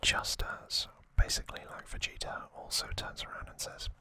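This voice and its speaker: A man hosting an ASMR video, giving a casual recap in a breathy, unvoiced whisper with a halting, intimate delivery. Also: bright, forceful tone, dry recording.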